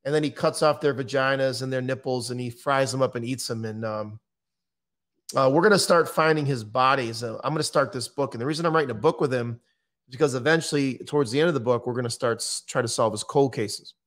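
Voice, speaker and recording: A middle-aged American man, a true-crime interviewer and author, appears as a podcast guest in a conversational interview over a video call from an indoor room. He talks fast and bluntly, matter-of-fact, in a medium-pitched, fairly bright voice, using a microphone on a boom arm.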